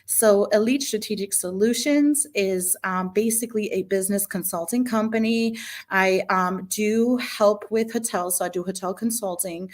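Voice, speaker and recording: A Bosnian woman in her late thirties, appearing as a guest business consultant on a panel, tells her story earnestly and eagerly with lots of fillers. Her voice is fairly low in pitch with a fairly bright tone.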